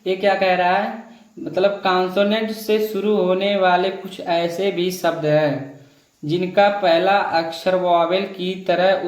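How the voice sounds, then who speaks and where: A man with a high voice teaches a grammar lesson. He goes step by step, repeating each point and calling his viewers friends. The room around him is echoey. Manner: repetitive, explains step by step, addresses viewers as friends. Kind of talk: grammar lesson explaining rules.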